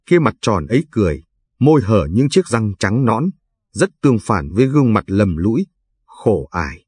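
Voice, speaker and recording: A man narrating an audiobook in a measured storytelling manner. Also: fairly low pitch, very animated, darkish tone, husky, no echo.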